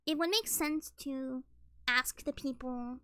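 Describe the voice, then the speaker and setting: A woman's voice: sits high, slow, sharp tone, clean tone, no room sound. A woman in her early twenties with a slightly scratchy voice, chatting casually on a livestream and rambling with many ums and likes. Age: early 20s. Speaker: streamer.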